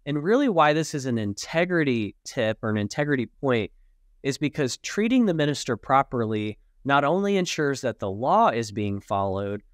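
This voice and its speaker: A man in his thirties presenting a tax webinar over a video call, in a relaxed, conversational way with fillers. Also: medium pitch, moderate pace, no room sound, clean studio sound. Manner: relaxed, with fillers and small laughs. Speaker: webinar presenter on ministers' taxes. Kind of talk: casual explanatory webinar talk. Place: indoor office. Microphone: webcam on a video call.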